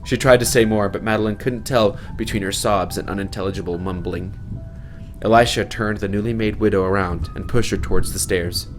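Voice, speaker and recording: A man's voice: fairly low pitch, fairly even intonation, a little fast, soft background music. A man reading his own fantasy novel aloud in a dramatic narration style. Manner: dramatic, swelling on violent moments. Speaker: author narrator.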